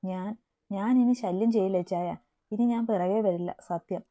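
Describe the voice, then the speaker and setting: A woman's voice: mid-range voice, steady tone, normal speed, mellow, close to an everyday voice. A woman reading the part of an emotional young woman in love in an audio story. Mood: tearful.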